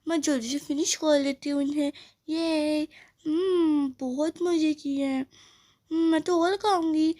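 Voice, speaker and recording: A woman's voice: high voice, steady tone, a little slow, warm tone. A woman voicing a young girl doll who loves candy, talking in a childish way with munching sounds, in a doll play story. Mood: greedy.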